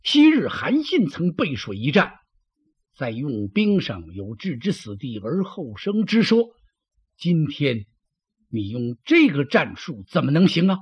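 A man voicing a stern, lofty male warlord who scolds and lectures in a husky voice. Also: fairly high pitch, huge pitch swings, unhurried, exaggerated voice. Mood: scolding. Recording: dull lo-fi recording.

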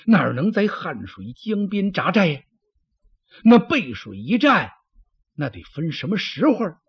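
A man voicing a stern, lofty male warlord who scolds and lectures in a husky voice. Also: high-pitched, sing-song, unhurried, heavily acted. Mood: scolding. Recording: dull lo-fi recording.

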